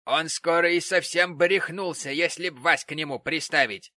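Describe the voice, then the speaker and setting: Мужчина изображает визгливую сварливую старуху-сиделку. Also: male voice, moderate pace, sharp tone, dry recording. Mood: indignant. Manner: shrill, scolding. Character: indignant old woman nurse, pompous and quarrelsome.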